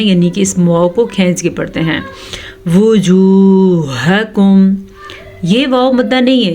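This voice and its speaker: A woman's voice: medium pitch, a little mellow. A woman teaching Quran recitation rules, explaining them patiently and repeating sounds to correct pronunciation. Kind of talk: tajweed lesson.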